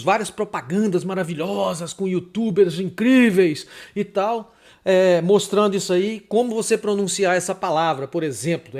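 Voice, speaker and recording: A man from Brazil giving a casual video lesson on English pronunciation, chatty and repeating example words slowly with emphasis. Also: sits high, a little mellow. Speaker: English teacher.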